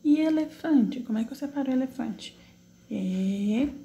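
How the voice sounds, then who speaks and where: A woman's voice: sits high, dark tone. A woman teacher, patiently correcting exercises in an online class, asking questions and answering them herself step by step. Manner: slow, drawn-out syllable spelling while typing.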